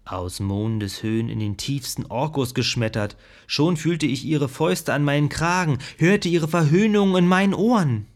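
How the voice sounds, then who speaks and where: A man giving scripted audiobook narration in a vivid, expressive storytelling manner. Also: fairly high pitch, moderate pace, hardly any pauses.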